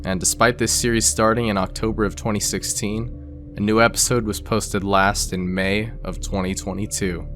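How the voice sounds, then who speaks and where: A man with a fairly low voice narrates a scripted video explainer at a moderate pace, with little pitch movement. He guides the listener conversationally and slips in casual asides as soft background music plays underneath.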